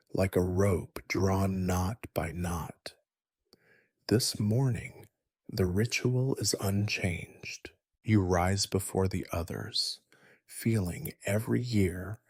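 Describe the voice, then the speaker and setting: A man in a soft, breathy whisper, narrating a calm sleep story in slow, measured phrases. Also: low voice, no room sound, clean studio sound.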